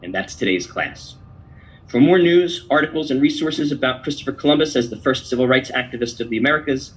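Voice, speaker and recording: A man's voice: medium pitch, expressive, fairly quick, rough recording. Emphatic male podcast host, declaiming. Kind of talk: opinion commentary and poem reading.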